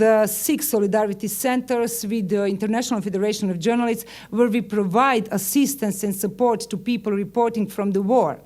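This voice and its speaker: A woman from Croatia with a Croatian accent gives formal opening remarks in halting non-native English, often dropping articles. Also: a little high, a little mellow. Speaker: conference speaker, journalists' union leader.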